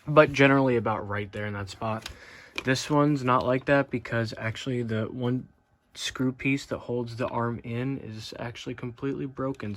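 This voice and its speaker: An American man talking casually and matter-of-factly through a hands-on repair, filming himself as he works. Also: mid-range voice. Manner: matter-of-fact, unscripted. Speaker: hobbyist repairing a Halloween animatronic.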